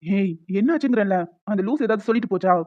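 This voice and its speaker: A woman voicing a prying young male student who presses his professor in an animated story. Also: medium pitch, fast, lo-fi sound, natural voice. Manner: prying, insistent.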